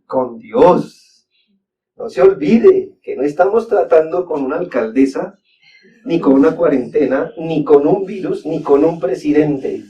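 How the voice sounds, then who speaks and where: Male pastor preaching, earnest and urging, dark tone, muffled distant recording. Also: fairly high pitch. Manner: earnest preaching, repeated exhortations with emphatic rises. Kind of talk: sermon. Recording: dull distant mic with faint background noise.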